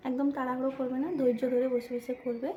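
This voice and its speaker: A woman from hosts a casual makeup tutorial vlog at home, speaking softly on purpose. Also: high-pitched, little pitch movement, fast, a little hiss or hum. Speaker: vlogger.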